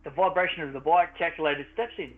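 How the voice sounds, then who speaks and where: A man's voice: on the high side, fast, narrow, tinny audio, soft background music. An Australian man chatting casually in a blokey, laid-back tradesman manner. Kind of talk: casual chat.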